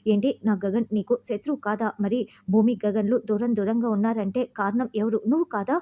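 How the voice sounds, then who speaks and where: A woman reading the lines of an angry, grieving father who shouts accusations. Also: medium pitch, fairly even intonation, a little fast, a little hiss or hum, close to an everyday voice. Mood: accusing. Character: furious grieving father confronting his son's killer. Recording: dull lo-fi audio.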